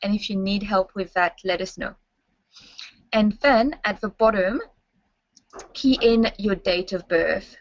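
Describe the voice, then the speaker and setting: A young woman, a university staff presenter whose first language is French, leads students through a webinar in a friendly, instructive way, often checking they're following. Her voice is medium-pitched and a bit bright, and the sound is dry but slightly muffled and dull.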